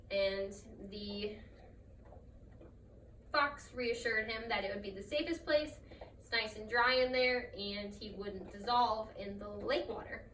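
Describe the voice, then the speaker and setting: A woman improvises a trickster folktale as its storyteller. Her voice is bright and on the high side. She sounds a little away from the mic, with faint noise behind her. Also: roomy sound, far from the mic, poor audio.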